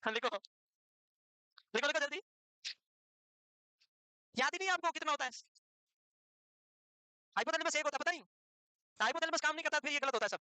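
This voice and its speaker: A woman's voice: sits high, brisk, pauses often, bright, forceful tone, no echo, low-quality recording. A woman teaching a classroom lecture for nursing exam prep. She quizzes students, answers her own questions and scolds them with teasing banter.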